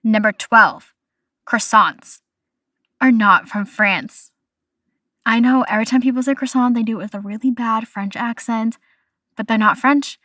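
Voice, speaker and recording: Young American woman hosting a casual podcast, chatty, trips over foreign words; high-ish voice, dry sound. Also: a little slow, long pauses, bright, forceful tone, dry recording. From United States. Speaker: podcast host. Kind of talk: casual solo podcast, listing food facts.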